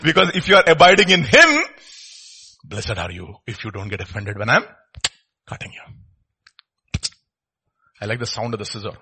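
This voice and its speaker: A man's voice: mid-range voice, very animated, moderate pace, long pauses, sharp tone, slightly rough. A man with an Indian accent preaching informally, repeating short phrases and putting rhetorical questions to his listeners.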